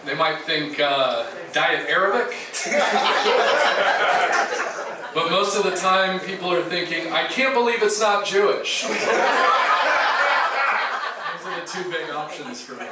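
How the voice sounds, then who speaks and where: A man's voice: high-pitched, expressive, takes it slowly, pauses often. A male stand-up comedian from Jacksonville, Florida, doing a self-deprecating set in a small comedy club. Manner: self-deprecating, conversational punchlines. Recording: echoey room from far off, noisy.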